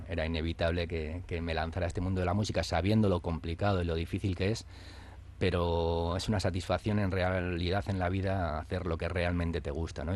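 Guest: man, very low voice, reflective singer-songwriter. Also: a little mellow. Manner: reflective, often ends phrases with a questioning tag. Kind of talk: radio interview.

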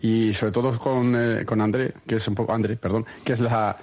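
A man, a music producer, explaining his work in a relaxed, hesitant way on radio. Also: fairly low pitch, moderate pace. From Basque Country. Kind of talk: radio interview answers.

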